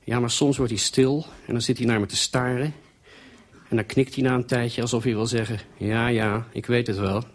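A man's voice: mid-range voice, steady tone, moderate pace, lightly acted. A man voicing an uneasy married woman. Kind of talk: storytelling reading.

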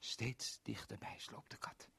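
A man reading a first-person children's story aloud, playful, dropping to whispers and rising to loud exclamations. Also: measured pace.

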